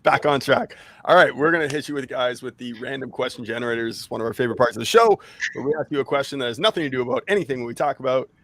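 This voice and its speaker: A man's voice: medium pitch, animated, a bit bright, a little hiss or hum. A Canadian man hosting a podcast, upbeat and joking as he leads the chat. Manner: upbeat, joking, quick to laugh. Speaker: podcast host. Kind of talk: casual chat and read ad spot.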